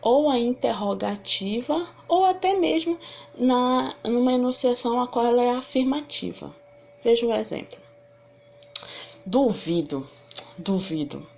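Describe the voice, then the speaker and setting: A woman's voice: normal speed, gravelly. A woman teaching a sign language lesson, acting out example phrases and thinking aloud with restarts. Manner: acts out example phrases with lively shifts of pitch. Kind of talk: online lesson.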